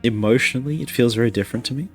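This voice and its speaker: A man's voice: mid-range voice, very fast, faint music behind. A man streaming a video game live, chatting casually and rambling to his viewers. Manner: rambling, chatty, self-deprecating.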